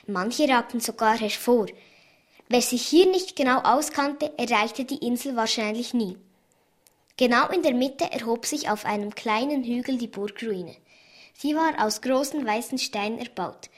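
A woman's voice: fairly high pitch, a little slow. A woman reading aloud from a children's adventure book, expressively. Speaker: reader. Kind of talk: storybook reading.

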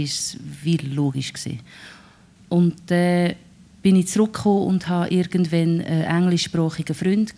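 A woman with a fairly low, warm voice and a Swiss German accent, a singer-songwriter, talks about her songwriting in a casual radio interview. She's thoughtful and often searches for the right words.

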